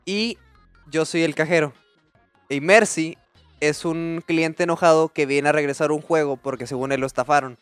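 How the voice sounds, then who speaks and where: A man's voice: a little high, steady tone, moderate pace, smooth, no room sound, soft background music. A young man casually setting up an improv skit among friends, rambling and correcting himself.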